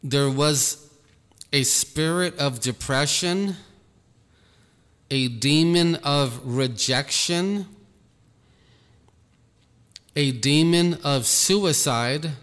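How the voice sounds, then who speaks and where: Guy telling his faith testimony real slow, kinda high voice, echoey. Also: fairly bright tone, clean tone. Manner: earnest, slow, repeats himself. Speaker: ministry leader. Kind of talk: personal testimony monologue.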